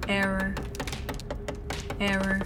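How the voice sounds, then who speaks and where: A woman voicing a malfunctioning female robot who repeats clipped, flat error alerts in a glitching voice. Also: medium pitch, very slow, background noise. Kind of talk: audio drama acting.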